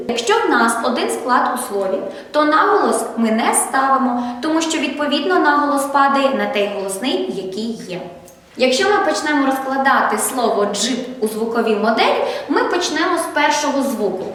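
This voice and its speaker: A woman primary school teacher giving a first-grade literacy lesson, speaking slowly and clearly, asking questions and praising answers. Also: high voice, a bit bright, very echoey, in a large hall, recorded from a distance. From Ukraine.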